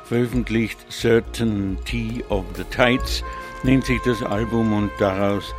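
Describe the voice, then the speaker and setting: Music plays beneath a man presenting a live radio music show. His lowish voice is slow with fairly even intonation, and he talks off the cuff, a little congested, hesitant and digressive, often correcting himself.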